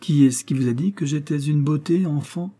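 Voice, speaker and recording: Man voicing vain coquettish young lady, pitched up, husky dark undertone, storybook. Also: moderate pace, natural voice.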